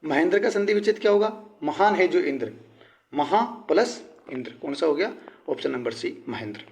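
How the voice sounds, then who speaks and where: A man teaching a Hindi grammar lesson for exam prep. He explains step by step, asks his own questions and answers them, and his voice drops low and quiet at the end of each answer. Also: expressive, normal speed.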